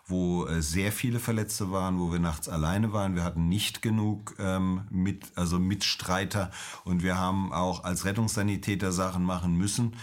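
Very deep-voiced calm doctor. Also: male voice. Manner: calm, measured, explanatory. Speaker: emergency doctor, interviewee. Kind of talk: interview answers.

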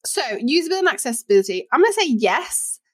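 A woman's voice: high-pitched, big pitch swings, fast, husky, dry recording, studio quality. A woman co-hosting a cookbook podcast, chatting in an easygoing, giggly way. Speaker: podcast co-host. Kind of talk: casual chat.

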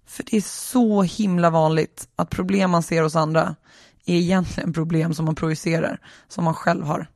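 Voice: medium pitch, fairly even intonation, darkish tone, dry recording, clean studio sound. A tired podcast host, lying alone in bed, talking through a reflective, rambling solo monologue with many hesitations.

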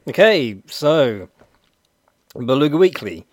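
Slow, hesitant male podcast host. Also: mid-range voice, very animated, a little mellow, a little hiss or hum. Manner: hesitant, rambling with many fillers. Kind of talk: casual chat.

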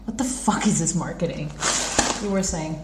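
A young adult woman in casual chat, talkative and quick to laugh. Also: low voice. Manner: chatty, laughs often, animated. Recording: echoey room, faint background noise.

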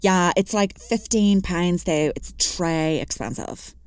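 A woman's voice: on the low side, slow pace, clean tone, no echo. A woman voicing a smug schoolgirl. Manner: drawling, filler-heavy "like" talk. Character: smug teenage schoolgirl, know-it-all.

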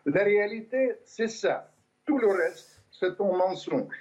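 An older man from Ukraine speaks as a former diplomat, pressing his point and stumbling over restarts. His voice sits a little high. It comes through a dull, lo-fi remote line. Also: animated, darkish tone. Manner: insistent, halting with restarts. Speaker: guest commentator, former diplomat. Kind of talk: remote interview answer.

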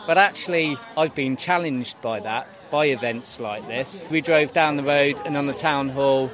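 A man's voice: mid-range voice, normal speed. A middle-aged man telling heartfelt personal stories as a parent in an interview. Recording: busy outdoor crowd behind. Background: crowd outdoors.

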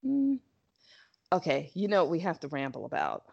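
Animated husky woman chatting. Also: low-pitched, muffled recording. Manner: animated, laughs often, quick asides. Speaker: podcast co-host. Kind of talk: casual chat.

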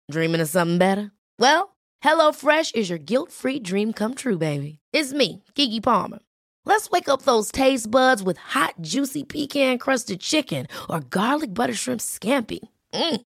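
A woman's voice: mid-range voice, animated, moderate pace, no echo, clean studio sound. A woman reading a radio advert in a sassy, playful way.

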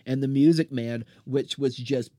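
A male podcast host on a fired-up solo rant, blunt and profane, tripping over and restarting words as he goes. His voice sits at an ordinary middle pitch. It is recorded dry and close, with almost no room sound. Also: steady tone, unhurried, mellow, no room sound.

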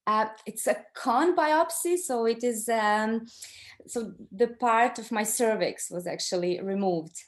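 A middle-aged Croatian woman, appearing as an interview guest, recounts something from her own life in a conversational way. She speaks with a Croatian accent and a slightly high voice, pausing now and then to find the right words in her second language.

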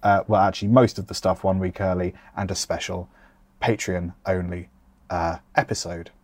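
Low-voiced man hosting a casual podcast. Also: flat delivery, moderate pace, darkish tone, no room sound. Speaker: podcast host. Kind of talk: casual, rambling chat.

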